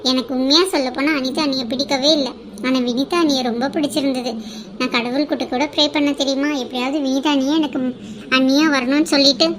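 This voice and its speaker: A woman voicing a cheeky younger sister in a cartoon drama, talking in an excited, teasing way. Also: high-pitched, fast. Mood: gushing. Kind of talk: cartoon voice acting.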